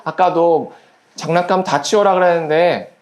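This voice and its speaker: A pastor giving a children's sermon at a church service, gently asking the children quiz questions and acting out little voices in the story. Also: mid-range voice, normal speed. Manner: acts out little quoted voices while storytelling.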